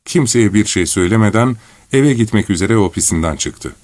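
A man with a low voice reads a literary story aloud in a measured, unhurried storytelling manner. The recording is dry and close, with no room echo at all. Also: lively intonation, a little mellow. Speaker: audiobook narrator. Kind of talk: scripted literary narration.

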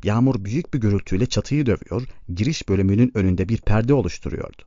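A man narrating an audiobook in a measured, even storytelling manner. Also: lowish voice, no echo. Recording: dull lo-fi recording.

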